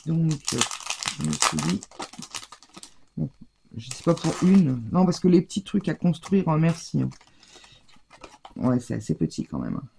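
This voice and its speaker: A woman's voice: low voice, very animated, a little slow, creaky, pauses often, mellow, a little hiss or hum. A woman with a French accent chatting casually in a scrapbooking haul video, hesitant and full of fillers and restarts, recorded indoors at home. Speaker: scrapbooking vlogger.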